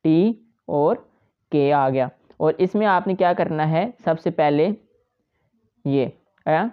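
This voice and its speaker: A woman with a lowish, smooth, resonant voice talks students through a shorthand lesson. She explains each outline patiently and repeats herself often. The recording sounds a little dull and lo-fi. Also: slow pace. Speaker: shorthand teacher. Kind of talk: step-by-step tutorial.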